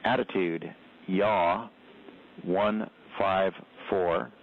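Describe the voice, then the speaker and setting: A man reads flight data from mission control in a slow, careful, clipped cadence, each figure spaced out over a radio loop. His voice sits on the low side and comes through thin and phone-like, squeezed by the radio link. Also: fairly even intonation. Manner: deliberate, precise, clipped procedural phrasing. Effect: over a space-to-ground radio loop. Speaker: capsule communicator in mission control. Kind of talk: slow, measured radio readout of numbers. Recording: tinny phone-like radio audio.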